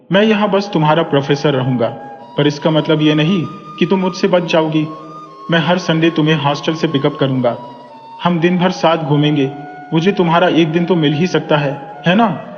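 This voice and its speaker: A man's voice: on the high side, moderate pace, close to an everyday voice. A lovestruck young professor, playful and coaxing, delivered in a man's ordinary mid-range voice, as the narrator puts him on. The recording is dull and echoey, with faint music beneath it. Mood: affectionate. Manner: warm, coaxing, teasing.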